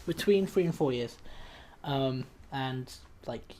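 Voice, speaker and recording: A man's voice: mid-range voice, animated, slow, mellow. A man co-hosting a casual podcast, talking in a hesitant way with lots of ums and restarts. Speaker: podcast co-host.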